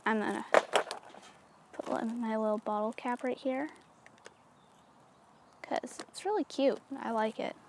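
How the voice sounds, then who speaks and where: A woman's voice: a little high, steady tone, unhurried, vocal fry, long pauses, darkish tone, slight background noise. A woman casually talking through a hands-on craft demonstration, chatty and easygoing, with lots of little fillers. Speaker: craft tutorial host.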